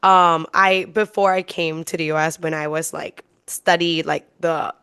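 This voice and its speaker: A woman's voice: sits low, fairly even intonation, a little slow, bright, forceful tone, clear, resonant tone, no echo, clean studio sound. A young woman from Thailand, co-hosting a podcast in casual chat, chatty and laughing often. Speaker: podcast co-host.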